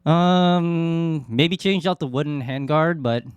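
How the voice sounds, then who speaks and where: A man's voice: a little high, slow pace, smooth, dry recording. Casual male streamer, dry close sound. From Canada. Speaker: streamer reacting to a video. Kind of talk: casual reaction commentary.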